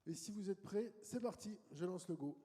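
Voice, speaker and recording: A man moderating a conference, welcoming speakers and directing them briskly. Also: high-pitched, expressive, warm tone. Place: conference hall. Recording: long hall reverb.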